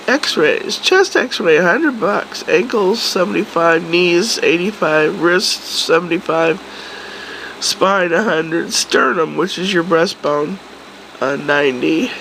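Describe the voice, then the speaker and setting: A middle-aged woman vlogs casually through a bad cold, her swollen-throat voice congested and full of gravelly creak. She takes her time, rambling in a wry grumble, and her pitch jumps around a lot. A faint hum sits behind her. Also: a bit bright, low-quality recording. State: sick with a cold, congested and hoarse. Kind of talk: casual vlog chat. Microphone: phone or camera at arm's length.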